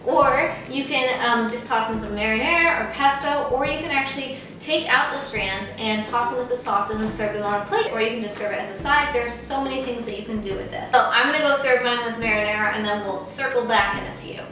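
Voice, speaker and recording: A young woman hosts a casual cooking tutorial in her home kitchen, talking briskly in a slightly high voice with hardly any pauses. She is upbeat and chatty and says "like" often. A distant camera mic picks her up in the echoey kitchen, with music underneath and a noisy background.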